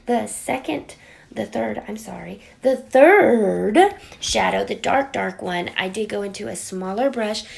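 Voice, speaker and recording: A young woman with a raspy voice from a cold, chatting playfully and dramatically through a makeup tutorial, sometimes dropping to a whisper. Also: medium pitch, moderate pace. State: getting over a cold. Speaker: beauty vlogger. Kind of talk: casual makeup tutorial chat.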